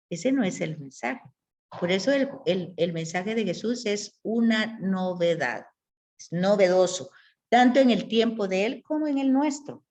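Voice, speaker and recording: Woman Bible teacher, explanatory lecture tone with rhetorical questions to the class. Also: a little high.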